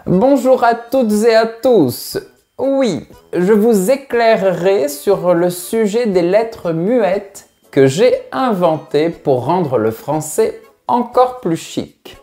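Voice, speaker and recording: A man's voice: high voice, expressive, slow pace, warm tone, soft background music, voice pushed up. A man voicing a pompous elderly male creator of the French language, talking in a grand, formal, lecturing way. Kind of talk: comic teaching sketch.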